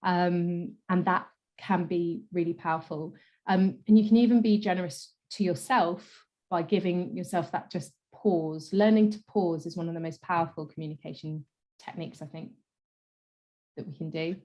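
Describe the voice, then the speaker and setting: A woman guest, a communication coach, speaks thoughtfully in a conversational interview, using fillers and letting her sentence endings trail off softly. Her croaky voice is on the low side and moves at a moderate pace.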